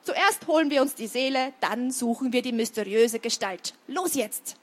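A loud, bossy storybook grim reaper, put on by a woman reading a children's book. He is hasty and flustered and trips over his words when startled. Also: on the high side, lively intonation, normal speed. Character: bumbling male grim reaper, bony and hasty.

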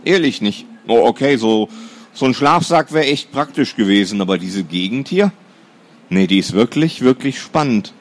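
A man's voice: mid-range voice, animated, normal speed, close to an everyday voice. A man voicing a sulky, cheeky boy with a stuffed-up nose in a children's audiobook. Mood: falsely cheerful. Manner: stuffy-nosed, sneezy.

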